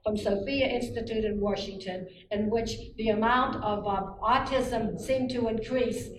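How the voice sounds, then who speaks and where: A woman's voice: a little high, steady tone, unhurried. A woman in the audience making earnest, detailed remarks at a public meeting. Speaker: audience member making comments. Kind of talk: comment from the floor. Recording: echoey hall, distant from the mic, with crowd.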